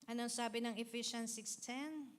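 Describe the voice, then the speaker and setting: A woman's voice: fairly high pitch, fairly even intonation, moderate pace, a crowd in the background. A woman with a Filipino accent preaching a sermon, emphatic and mixing in English, with lines for the congregation to repeat. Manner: emphatic, rising to loud exhortations.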